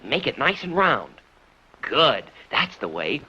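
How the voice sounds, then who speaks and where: A man voicing a cheerful, encouraging cartoon helper who slowly leads children through drawing with exclamations. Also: medium pitch, very animated, bright, forceful tone, husky, full character voice. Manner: slow, instructing, exclamatory. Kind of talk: children's cartoon, speaking to young viewers. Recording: dull, lo-fi old cartoon soundtrack.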